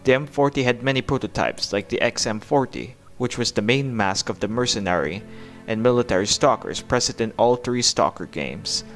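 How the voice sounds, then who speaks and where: A man's voice: on the low side, fairly bright tone. A man narrating a hands-on product review in a plain-spoken, explanatory way.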